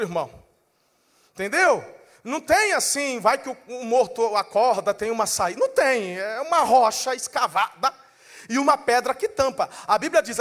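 A man preaching a sermon, dramatic and animated, acting out scenes in different voices and rising to shouts at the peaks. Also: very high-pitched.

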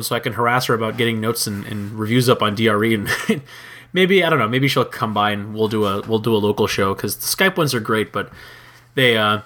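A man hosting a casual solo podcast, hoarse-voiced, rambling with many fillers and restarts. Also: mid-range voice, pushed and bright. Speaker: podcast host.

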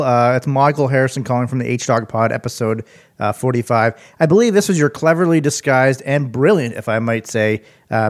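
Man leaving a rambling voicemail. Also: mid-range voice. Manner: rambling, full of "uh" fillers, mock-formal teasing. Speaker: podcast host.

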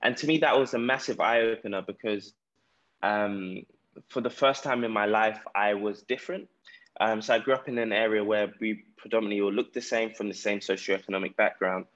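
A man's voice: fairly low pitch, steady tone, a little fast, a bit bright, dull audio. A man with a South London accent telling his own story conversationally as an interview guest. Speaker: podcast guest, entrepreneur. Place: remote call from Ghana.

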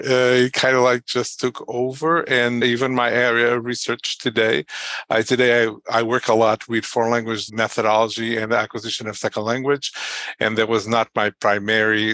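A middle-aged man from Portugal, a native Portuguese speaker, telling his career story in a relaxed interview with some fillers and laughs. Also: fairly low pitch, no room sound. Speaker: guest, Portuguese professor. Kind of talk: conversational interview.

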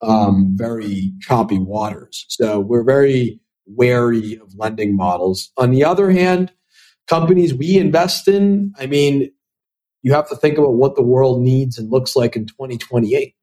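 A young venture capital investor, a native Italian speaker, is a guest on a podcast interview. His mid-range voice is warm and a little slow, and he answers thoughtfully, often restarting and repeating words as sentences begin.

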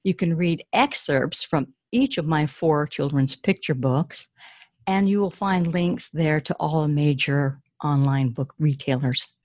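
A woman who writes children's books talks eagerly about her readers, often restarting her sentences as she goes. Her voice is low and husky. The recording is dry and close. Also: unhurried, a little mellow, dry recording. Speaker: children's author. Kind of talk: interview answers and storybook reading.

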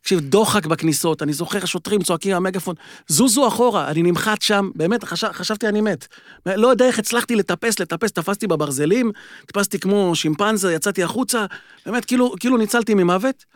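Man, high voice, animated storyteller, casual sports chat, dry close mic. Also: no room sound. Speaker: podcast panelist.

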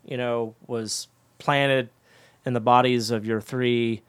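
Man asking halting, searching questions. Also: mid-range voice, little pitch movement, clean tone. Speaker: podcast co-host. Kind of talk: interview conversation.

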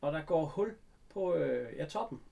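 A man chatting casually, retelling an episode with animated bits of acted dialogue. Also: a little high, creaky. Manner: animated retelling, acting out characters' lines. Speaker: recapping a TV episode. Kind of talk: casual chat.

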